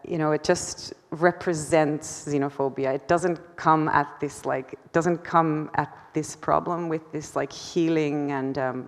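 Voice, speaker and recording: Woman, low voice, artist giving a talk, hesitant with fillers, self-deprecating, long hall echo. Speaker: artist presenting her work. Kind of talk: conference talk.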